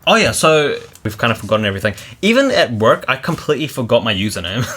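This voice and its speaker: A man co-hosting a vlog in casual chat, animated and laughing as he rants, out walking by a river. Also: mid-range voice, fast talker, husky. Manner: animated, laughs while ranting. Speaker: vlog co-host.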